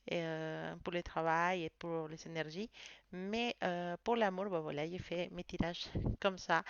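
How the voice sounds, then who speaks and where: A woman giving a monthly tarot reading, hesitant and pausing often to search for her words. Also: on the low side, clean tone, no room sound, dull audio. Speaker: tarot reader.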